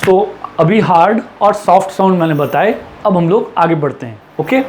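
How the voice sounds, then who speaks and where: A man teaching English pronunciation in a classroom-style lesson, with an Indian English accent, asking rhetorical questions and drawing out the example words slowly. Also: high-pitched, lively intonation, slight background noise. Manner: slow drawn-out English examples, brisk Hindi explanations, lots of rhetorical questions.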